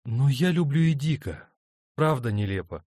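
A tender young wife, torn between two loves, pleads and hesitates in a lifted, softened voice, as a man puts her on. Her words come emotional and uncertain in a storybook reading. The recording is dry and close. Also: medium pitch, animated, moderate pace, no echo, voice pushed up, lightly acted.

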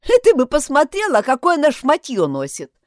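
A woman's voice: high-pitched, huge pitch swings, fairly quick, dry recording, clean studio sound, voice pushed up. A woman voicing an emphatic, self-assured young housemaid who loves gossip, in an audiobook. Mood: knowing.

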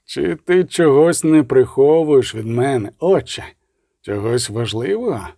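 Sinister cold male assassin, voiced by a man, sardonic, mellow tone, dry sound. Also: mid-range voice, animated, unhurried, no echo. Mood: menacing. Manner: menacing, sardonic.

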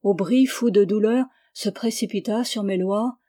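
Female audiobook narrator, measured storyteller, warm mellow tone. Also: medium pitch. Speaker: audiobook reader.

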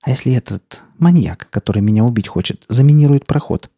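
A man's voice: medium pitch, animated, a little fast, warm tone, husky, dry recording, clean studio sound. A man voicing a frightened young village woman who asks timid, pleading questions, in an audiobook. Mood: timid, anxious. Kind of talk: audiobook character voice.

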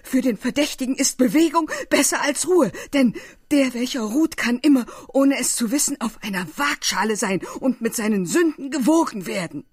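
A man's voice: normal speed, slightly rough, dry recording, studio quality. A man voicing Block, a cringing, agitated male client bursting into indignant protest. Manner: shrill, indignant outburst.

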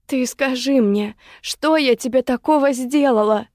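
A woman voicing a furious young woman who accuses her rival with sharp bitterness. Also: sits high, unhurried, dry recording, studio quality, voice pushed up. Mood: bitter.

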